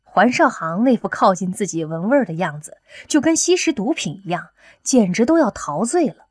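A woman reading an audiobook novel as narrator, in an animated storytelling way. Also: mid-range voice, normal speed, no echo, studio quality. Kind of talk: scripted narration.

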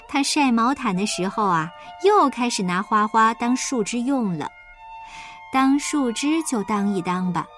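A woman narrating a children's story in an expressive, lilting storyteller's manner. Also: on the high side.

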